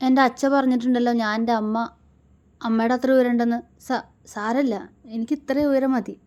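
A woman's voice: a little high, steady tone, brisk, darkish tone, voice pushed up, lightly acted. A woman reading a story aloud and voicing a sensitive young woman who pleads in a childlike, coaxing way. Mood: hurt.

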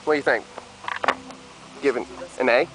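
A man's voice: medium pitch, steady tone, moderate pace, background noise. A middle-aged man filming a casual travel vlog while hiking among rocks, talking into a handheld camera mic. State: a little out of breath. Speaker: travel vlogger. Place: outdoors among rocks, wind.

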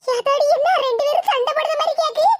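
A performer voicing a sharp-tongued middle-aged mother in an animated comedy, with a Tirunelveli Tamil accent and a nagging, scolding manner. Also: very high-pitched. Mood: exasperated. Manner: nagging, scolding, rapid complaints. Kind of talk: animated comedy sketch voice acting. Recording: loud background hiss.

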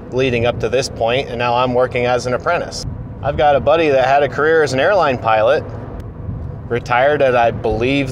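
Filmed by a camera on his car's dashboard, a man in his late thirties training as an aircraft mechanic chats casually for a commute vlog, offering plain, direct encouragement. He speaks at a medium pitch. Car and road noise are clearly audible throughout.

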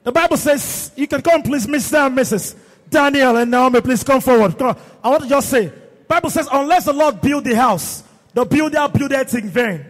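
A man's voice: extremely high pitch, moderate pace. A man acting as MC at a wedding reception, talking emotionally and repetitively as he coaxes the crowd. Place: large reception hall. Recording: echoey hall with faint music.

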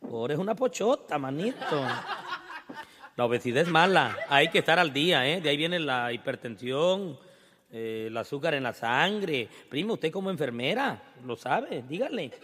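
Rowdy Mexican comedian emceeing a concert. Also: male voice, a little high, sing-song, normal speed, fairly bright tone, husky. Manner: teasing, crude and rowdy, with frequent laughter. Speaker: comedian and emcee at a live music show. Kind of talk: crude live stand-up banter. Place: live concert stage. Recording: reverberant live venue with band music. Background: band music.

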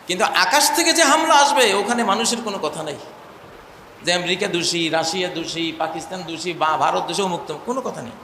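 A male preacher giving an impassioned sermon, swinging between loud cries and low murmurs and chanting verses. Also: expressive, a little fast. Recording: echoey hall, faint noise.

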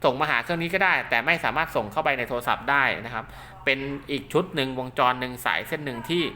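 A man's voice: mid-range voice, quick pace, bright, forceful tone. A man giving an informal hands-on product demonstration, explaining in a repetitive way with frequent polite tags. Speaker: product demonstrator and maker of radio link cables. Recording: clear background noise.

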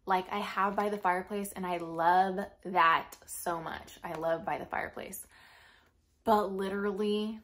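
A woman's voice: mid-range voice, fairly even intonation, a little slow, fairly bright tone. A young American woman with braces slightly affecting her articulation, chatting informally and expressively to camera in a product review. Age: young adult. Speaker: perfume reviewer. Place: small furnished room at home, indoors.

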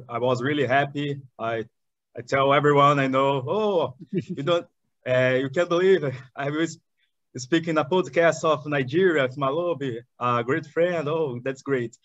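A Portuguese-speaking man in his thirties from southern Brazil, a chamber of commerce director, appears as an eager guest in a video call interview, speaking halting English with a Brazilian accent and many restarts. His mid-range voice is a bit bright, and he sits indoors before curtains. The webcam audio is dull and dry, with no echo.

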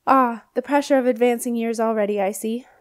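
A woman's voice: fairly high pitch, steady tone, a little fast, clean tone, lightly acted. A woman voicing a cheerful ancient male ghost knight who guards a princess's door and tells silly jokes. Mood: jovial. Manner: jovial, chuckling, jokey.

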